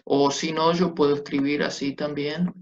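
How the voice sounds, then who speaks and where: A man's voice: on the high side, level tone, moderate pace, a little hiss or hum. A man teaching Biblical Hebrew in a class, patiently checking understanding with short tag questions. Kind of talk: classroom lecture at a whiteboard. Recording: dull lo-fi classroom recording.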